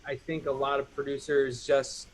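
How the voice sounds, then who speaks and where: A man's voice: medium pitch, flat delivery, moderate pace, low-quality recording. A man hosting a casual live chat, coaching a guest on music production with lots of fillers. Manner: mentoring, gives advice, many fillers. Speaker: host.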